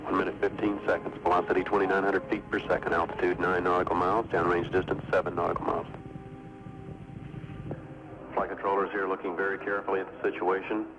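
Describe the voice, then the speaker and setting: A man announcing a flight from mission control over a radio loop, reading out figures in a flat, measured way. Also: sits low. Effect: radio loop transmission. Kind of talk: live flight commentary. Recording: muffled noisy archival broadcast.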